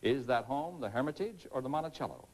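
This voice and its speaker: A man hosting a television game show in an animated, exclamatory style. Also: mid-range voice, fast, heavy background noise.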